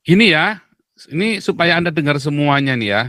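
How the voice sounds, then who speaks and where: Joking first, then confessional and emotional, a pastor hosting a live stream talks casually about his past in a preaching chat. He speaks at normal speed in an expressive, fairly high voice that sounds pushed and bright, and there is no room sound.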